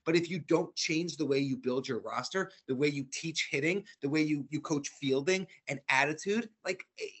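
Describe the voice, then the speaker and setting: A man's voice: on the high side, normal speed, few pauses, a bit bright, breathy edge. A man co-hosting a casual sports fan talk show, ranting with frustration and stumbling over repeated words.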